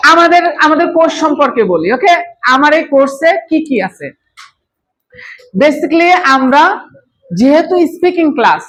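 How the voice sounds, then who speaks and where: Woman, Bangladeshi accent, high-pitched, coaxing classroom teacher, mixes two languages. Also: fairly bright tone, poor audio. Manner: coaxing, repeats "okay?" often, mixes Bengali and English. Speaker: English teacher.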